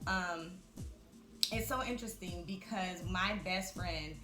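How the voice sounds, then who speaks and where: A vlogger in her mid-thirties talks casually to camera, reflective and chatty, scattering fillers through her thoughts and taking it slowly. Her voice is a little low for a woman. The room echoes, and music plays behind her.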